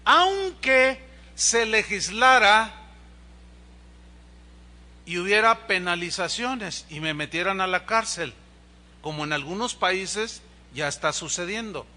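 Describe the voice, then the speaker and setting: A man's voice: high voice, animated, slow pace, long pauses, sharp tone. A man, a pastor preaching a conversational sermon in a church, asking the congregation rhetorical questions and acting out quoted dialogue. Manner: acts out dialogue in quoted voices.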